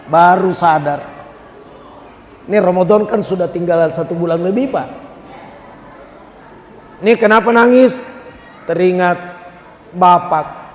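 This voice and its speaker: Indonesian-accented male preacher, high voice, slow measured delivery, echoing hall. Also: slight background noise. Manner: animated, switches between fast talk and slow melodic chanting. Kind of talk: lively mosque sermon with chanted recitation. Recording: echoey hall, long reverb.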